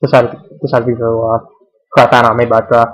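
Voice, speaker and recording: A man's voice: medium pitch, little pitch movement, moderate pace, rough recording. A young man giving a casual, rambling recap of a wrestling show, full of fillers and restarts.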